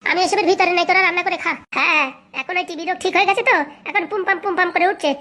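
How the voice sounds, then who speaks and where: A squeaky, high-pitched older cartoon mother-in-law, voiced by a woman, homely and stubborn. She talks in quick, folksy explanations. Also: steady tone, sharp tone. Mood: grumbling. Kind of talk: comic cartoon dubbing.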